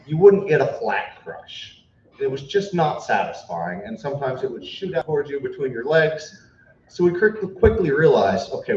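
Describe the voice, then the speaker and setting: A man's voice: medium pitch, a little mellow, slight background noise. A young man giving a memorial speech, telling childhood stories with light humor, then reading a passage earnestly, sometimes stumbling over words. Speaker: eulogist at a memorial. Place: memorial service hall. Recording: echoey, distant, dull room recording.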